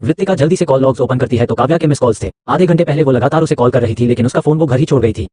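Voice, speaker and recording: A man narrating a serialized romance audiobook in a steady storybook reading. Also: medium pitch, husky, dry recording. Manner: rapid, even reading.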